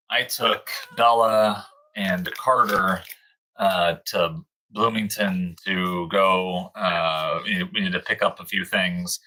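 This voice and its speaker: Guy in his 30s, low voice but real bright, rambling story w lots of ums. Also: low-quality recording. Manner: rambling storyteller, many fillers and restarts. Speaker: co-host of a dog breeder livestream. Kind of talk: casual livestream chat.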